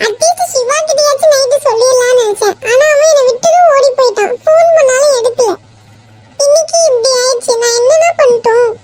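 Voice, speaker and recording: Lady voicing a crying cartoon girl, super high pitched, begging to be believed. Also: brisk, a little mellow, low-quality recording. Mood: pleading. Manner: sobbing, pleading. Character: tearful young woman pleading her love. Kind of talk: cartoon voice acting.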